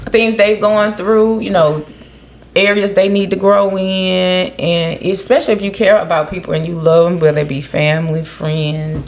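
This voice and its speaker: A woman co-hosting a casual podcast chat, animated and questioning, speaking. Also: lowish voice, creaky, slight background noise. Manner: animated, questioning, often quotes others in a raised voice. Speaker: podcast co-host.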